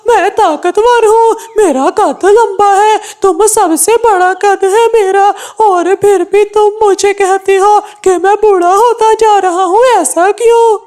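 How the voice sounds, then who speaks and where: A woman's voice: extremely high pitch, fairly even intonation, slow, hardly any pauses, darkish tone. A woman voicing a boastful, hot-tempered aging male crow in a cartoon, insisting he is still young. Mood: defensive. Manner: boastful, defensive. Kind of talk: cartoon voice acting.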